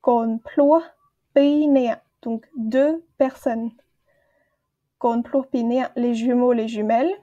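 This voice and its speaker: A high-pitched woman speaks slowly and patiently, repeating each word before she explains it. Her tone is mellow, and the recording sounds a little dull and lo-fi. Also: fairly even intonation. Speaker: language teacher. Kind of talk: slow vocabulary lesson with repeated words.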